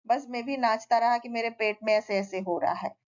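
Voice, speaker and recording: A woman's voice: on the high side, steady tone, brisk, lightly acted. A woman doing an anxious fretting father. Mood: worried. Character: worried father of a sick boy. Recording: slightly dull lo-fi recording.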